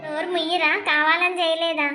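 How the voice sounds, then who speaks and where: A woman's voice: very high-pitched, flat delivery, fairly quick, music in the background. A woman voicing a shamed, angry middle-aged village mother who scolds her son in a cartoon. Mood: scolding. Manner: scolding, reproachful. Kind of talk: cartoon voice acting.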